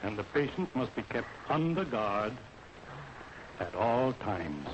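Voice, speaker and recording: This American man's voice is on the low side, with big swings in pitch. Cast as an army medical officer in a 1940s training film, he gives formal, authoritative, deliberate instruction, heard through a dull and noisy period soundtrack.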